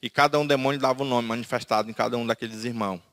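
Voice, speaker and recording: A man's voice: medium pitch, steady tone, racing, a bit bright. A man from Manaus with a Brazilian Portuguese accent, giving an emotional personal testimony and acting out the dialogue as he tells it. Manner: storytelling, acts out quoted dialogue. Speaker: testimony speaker.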